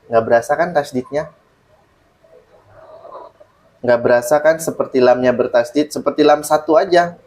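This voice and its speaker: A man's voice: a little high, normal speed, long pauses, darkish tone. A man teaching Quran recitation in an online lesson, patiently explaining rules and reciting examples, often checking that the student understands.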